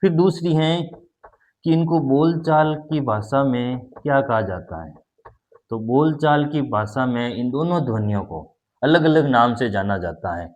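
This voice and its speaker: A man's voice: medium pitch, animated, darkish tone. Man teaching a grammar lesson patiently. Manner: explanatory, repeats key points, pauses to demonstrate sounds.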